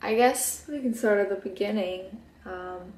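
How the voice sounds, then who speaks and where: In an echoey bedroom recording made with a camera at close desk distance, a young Israeli woman in her twenties, Hebrew being her first language, does a get-ready-with-me makeup chat. She's sleepy, laid-back and chatty, with lots of ums and likes. Her medium-pitched voice is unhurried and a little mellow.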